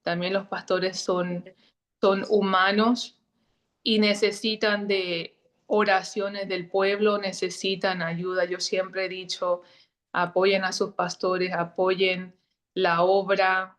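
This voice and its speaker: Woman, church member, slow talker, flat intonation, earnest, hesitant, video call. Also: medium pitch. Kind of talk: devotional sharing.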